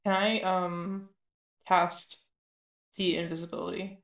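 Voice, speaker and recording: A woman playing a tabletop game, asking halting questions with fillers, in roomy audio. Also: lowish voice, little pitch movement, gravelly, a bit bright. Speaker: player. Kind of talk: tabletop game role-play.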